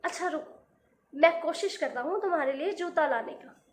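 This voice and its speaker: A woman voicing a kindly elderly male shoemaker with a gentle, fatherly manner, in a storybook reading. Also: extremely high pitch, moderate pace. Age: older.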